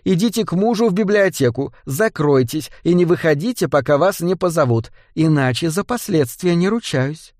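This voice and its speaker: A man's voice: on the high side, animated, normal speed, a little mellow, no echo, lightly acted. A man voicing a stern, sardonic female nun exorcist in an audiobook, curt and dry.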